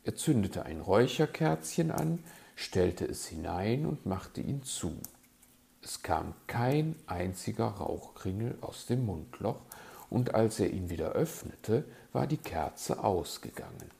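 A man narrating a children's story in a calm, measured reading voice. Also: on the low side, vocal fry.

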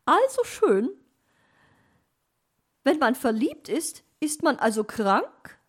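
A bossy, talkative magpie lady, as a woman reading aloud puts her on. Her voice sits high and loud and swoops widely as she teases and lectures at an unhurried pace. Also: big pitch swings, exaggerated voice. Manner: shrill, talkative, teasing. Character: chatty bossy female magpie neighbor.

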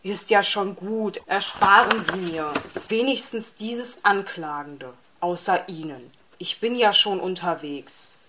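A woman's voice: on the low side, lively intonation, slow pace, slight background noise. A woman voicing a grumpy, lazy male fox in a storybook reading, irritable and grumbling.

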